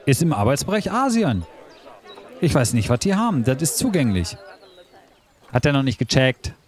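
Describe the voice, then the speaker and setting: A man's voice: medium pitch, very animated, moderate pace. A man giving casual gameplay commentary, talking to himself in a puzzled, joking way. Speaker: let's play commentator.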